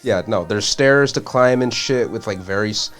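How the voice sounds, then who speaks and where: On a live-streamed talk show, a male podcast co-host chats casually, swearing often and filling his sentences with "like." His voice is fairly low and a bit bright, his pace moderate, and soft music plays in the background.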